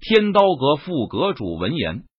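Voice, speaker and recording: A man narrating a web novel audiobook in an expressive, dramatic storytelling manner. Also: fairly high pitch, measured pace, breathy edge, dry recording. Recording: dull lo-fi dry recording.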